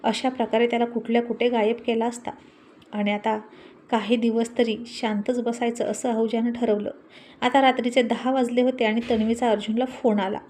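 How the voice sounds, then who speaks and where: A woman narrating a dramatic story in a vivid, expressive reading voice. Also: fairly high pitch, moderate pace, a little hiss or hum.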